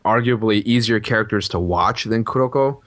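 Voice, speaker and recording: A man's voice: fairly low pitch, normal speed, a bit bright. A young man co-hosting a casual anime podcast, blunt and profane, ranting about what he hates. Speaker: podcast co-host.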